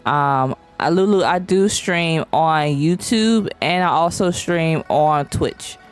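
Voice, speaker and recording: A young woman VTuber streams a game, chatting casually in a low-pitched voice at a slow pace. She reads chat messages aloud using slangy, playful language, with faint music behind her.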